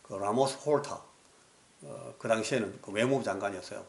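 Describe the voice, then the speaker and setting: A male pastor delivering a sermon earnestly, dropping to soft pleading and rising in stories. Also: lowish voice, moderate pace, roomy sound. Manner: earnest preaching that drops to soft pleading, then rises in anecdotes. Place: church sanctuary.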